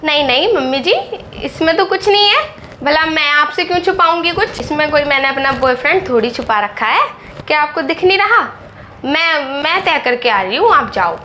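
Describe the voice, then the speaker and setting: Brief: a woman as a high-voiced young daughter-in-law, sharp and indignant, family skit. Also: lively intonation, slight background noise. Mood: evasive. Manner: indignant scolding, rapid rebukes. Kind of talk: Hindi family drama skit.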